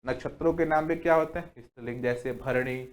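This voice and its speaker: A male teacher in his younger years, giving an exam-prep grammar lesson at a medium pitch. He keeps putting questions to his class and answers them at once. He reads out long lists of examples slowly, one word at a time. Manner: asks the class questions and answers them himself, repeats "ठीक है" often.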